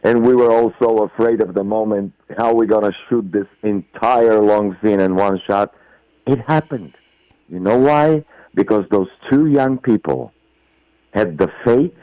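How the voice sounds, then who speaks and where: A man's voice: fairly low pitch, a little slow, mellow, no echo. Effusive Bulgarian-accented man on a phone line. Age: middle-aged. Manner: effusive, emphatic, non-native phrasing. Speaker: actor guest. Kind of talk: phone interview.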